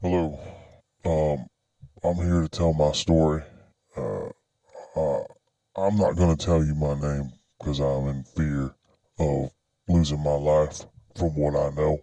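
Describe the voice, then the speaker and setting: A man playing a frightened military private, stammering and halting in a disguised deep voice through a voice changer. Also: mellow, no echo, full character voice. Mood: nervous, scared. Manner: nervous, halting, stammering, repeating words. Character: frightened anonymous military private telling his secret story. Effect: pitched-down voice changer. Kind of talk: confessional testimony for a podcast.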